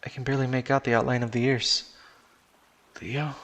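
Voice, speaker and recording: A man's voice: mid-range voice, little pitch movement, fast talker, fairly bright tone. Casual man narrating a first-person story. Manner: casual, swears, restarts sentences.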